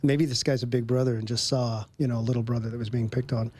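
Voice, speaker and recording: A man telling a personal story in an interview, relaxed, with frequent ums and little chuckles between phrases. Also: mid-range voice, quick pace, husky. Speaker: guest.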